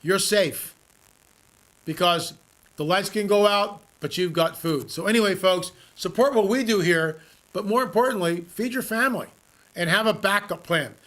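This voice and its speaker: A man's voice: moderate pace, a bit bright. A man hosting a talk radio show, talking earnestly and repeating his points for emphasis. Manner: earnest, repetitive, emphatic pitch. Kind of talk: talk radio monologue and live ad read.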